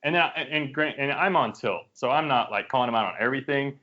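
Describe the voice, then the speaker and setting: A man's voice: mid-range voice, brisk. A man co-hosting a podcast, telling a story in a casual chat among friends. He swears constantly and is riled up, with lots of fillers. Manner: profane, animated storytelling with frequent fillers. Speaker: podcast co-host. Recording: dull lo-fi podcast audio.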